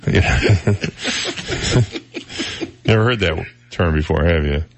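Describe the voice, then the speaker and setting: In a radio studio, a man with a very deep voice speaks slowly into a studio microphone with no room sound. He hosts a casual morning talk show, wry and conversational, using lots of filler words and sounding a little stuffed up.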